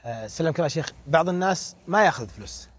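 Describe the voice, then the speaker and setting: A man's voice: a little high, animated, racing. A man in a lesson asking his teacher a question.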